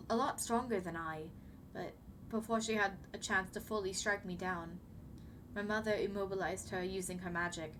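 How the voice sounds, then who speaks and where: In an ASMR roleplay, a woman plays a young siren queen who is gentle, anxious and apologetic, addressing the listener formally and hesitantly. Her medium pitch is close to an everyday voice. Noisy background ambience is clearly audible.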